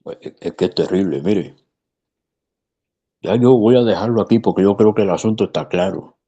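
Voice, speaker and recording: A man's voice: deep voice, moderate pace, dark tone, husky, dull audio. A man, a pastor, telling a story in conversation in an earnest, emphatic way. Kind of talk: preaching in conversation.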